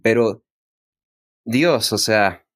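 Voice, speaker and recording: A man with a low voice talks through his opinions as a podcast co-host. The style is casual and analytical, recorded dry and close. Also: drawn-out words, dry recording. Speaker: podcast co-host reviewing wrestling.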